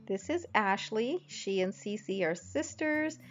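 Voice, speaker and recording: A woman's voice: medium pitch, animated, takes it slowly, muffled recording. A woman home vlogger casually narrating a makeover video in a pleased, chatty, step-by-step way. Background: background music.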